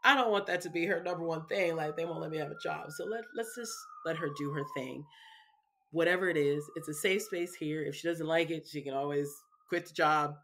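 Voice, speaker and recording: A woman's voice: low-pitched, brisk, a bit bright, slight background noise. Chatty woman podcast guest. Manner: chatty, peppers speech with "you know" and "right". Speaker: guest, parenting speaker. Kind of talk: casual interview chat.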